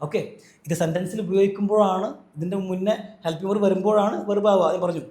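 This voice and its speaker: A man's voice: high voice, fairly even intonation, fast, a little mellow, reverberant. A man teaching an English grammar lesson, asking questions and answering them himself. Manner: asks and answers his own questions, repeats key points.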